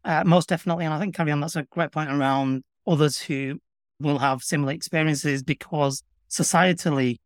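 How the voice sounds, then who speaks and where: A middle-aged man with a broad Yorkshire accent, speaking in a measured, earnest way as an interview guest. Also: on the high side, fairly even intonation, no echo, studio quality. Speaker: interview guest, public sector communications professional. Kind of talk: reflective conversational interview.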